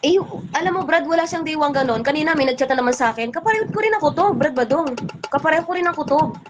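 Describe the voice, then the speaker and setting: Fast-talking high-voiced woman hosting a livestream. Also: animated, highs cut off, background noise. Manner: indignant, scolding, talks fast. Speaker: livestream host. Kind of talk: casual livestream chat.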